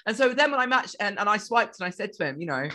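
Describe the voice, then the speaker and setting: A woman's voice: medium pitch, very animated, quick pace, pushed and bright. A woman co-hosting a casual podcast chat, telling a dating story and acting out the messages with plenty of laughs. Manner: chatty storyteller, acts out quoted messages, laughs often. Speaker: podcast co-host.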